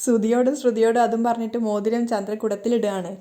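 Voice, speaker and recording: A woman's voice: fairly high pitch, little pitch movement, quick pace, warm tone. A woman retelling a TV serial episode as a casual spoken story, with running narration and quoted dialogue.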